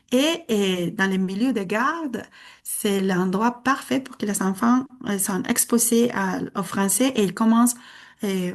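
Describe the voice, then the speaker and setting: At a conference, a woman whose first language is Spanish presents in a medium-pitched voice. Her manner is earnest and hesitant as she explains her material.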